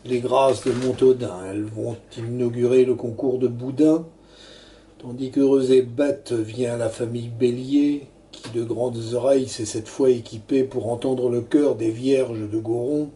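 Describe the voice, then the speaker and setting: A man's voice: medium pitch, mellow. A man declaiming a satirical verse monologue like a hammy stage actor, grandiloquent and pompous. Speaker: performer reciting a comic verse tirade.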